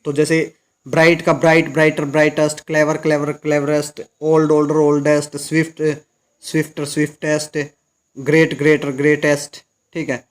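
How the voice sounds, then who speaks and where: A man's voice: fairly high pitch, little pitch movement, normal speed. A man teaching an English grammar lesson, explaining step by step and answering his own questions. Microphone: recorded lesson video.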